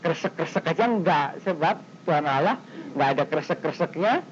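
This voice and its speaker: A male pastor gives a lively sermon in a casual, talkative way. His fairly high voice swings widely and jumps up abruptly. It comes from a dull 1990s recording with faint hiss. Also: moderate pace. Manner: animated, conversational preaching with sudden pitch leaps.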